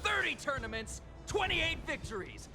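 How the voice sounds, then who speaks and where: An actor playing a theatrical fight announcer who bellows to hype a crowd. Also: male voice, very high-pitched, big pitch swings, moderate pace, gravelly, full character voice. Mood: hyped. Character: loud male fight announcer hyping the crowd. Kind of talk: video game voice acting. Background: game music.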